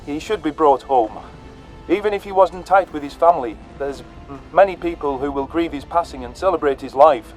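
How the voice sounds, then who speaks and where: Speaking fairly quickly in a slightly high, natural voice, the same kind of performer portrays a grieving alien soldier bent on vengeance. His first-person sci-fi war tale mixes narration and dialogue, delivered in serious, formal, well-spoken language, with faint music in the background.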